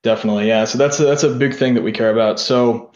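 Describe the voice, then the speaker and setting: A young man speaking as a podcast guest in a casual, meandering way that leans on filler words. His voice sits at an average pitch and sounds roomy. The sound is dull and lo-fi. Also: steady tone, fast, darkish tone. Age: young adult. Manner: rambling, lots of "sort of" and "like" fillers. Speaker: podcast guest, tech founder. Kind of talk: casual interview talk.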